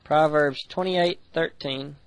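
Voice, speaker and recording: An American man preaches with earnest conviction. He slows down for scripture and rushes through quick personal asides. His voice sits on the higher side and sounds close and dry, with no room echo. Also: steady tone. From United States. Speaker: pastor. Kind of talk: sermon.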